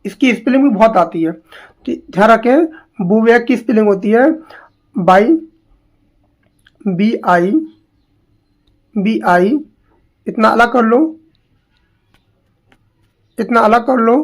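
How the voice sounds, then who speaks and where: A woman teaching English spellings to exam students, repeating each word slowly and asking questions as she goes. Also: on the high side. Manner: slow, drilling, repeats words and asks questions.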